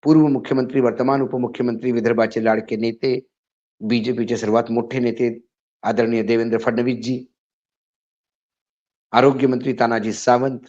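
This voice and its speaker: A man delivers a spoken editorial in an indignant tone. His voice sits at a middle pitch and climbs into emphatic peaks. The recording sounds a little dull and lo-fi. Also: level tone, normal speed, pauses often, darkish tone. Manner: indignant, rising to emphatic outbursts. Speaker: political commentator. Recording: slightly dull lo-fi audio.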